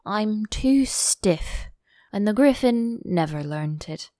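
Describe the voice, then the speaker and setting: Woman voicing a slow, mournful old turtle creature. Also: mid-range voice, lively intonation, dark tone, no echo, clean studio sound. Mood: weary, wistful. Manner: slow, drawn-out, mournful delivery. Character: melancholy, sighing old male Mock Turtle, touchy. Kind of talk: audiobook character voice.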